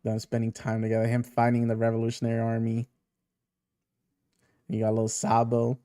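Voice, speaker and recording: A man's voice: medium pitch, monotone, a little fast, warm tone, clear, resonant tone, no echo, studio quality. A man reading a comic aloud for a reaction video, acting out the characters' lines. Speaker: manga reactor.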